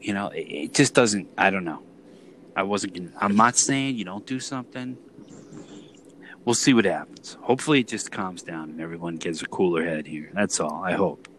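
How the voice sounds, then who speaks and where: Low-voiced man rambling in casual chat. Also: normal speed, fairly bright tone, slight background noise. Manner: rambling, profane, trails off mid-sentence.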